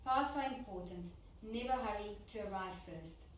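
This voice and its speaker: A woman's voice: mid-range voice, a little slow. Woman interpreting a speech in an echoey hall. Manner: steady, plain rendering with small restarts. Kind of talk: consecutive interpretation into English. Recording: echoey hall, distant mic, faint noise.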